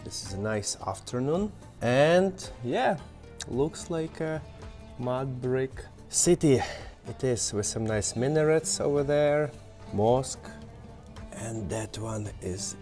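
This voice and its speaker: A travel vlogger from Western Ukraine, a native Ukrainian speaker with a Ukrainian accent, walks through an old town outdoors giving casual commentary and pointing things out to viewers. His mid-range voice is expressive, slow and a little mellow, with soft music in the background.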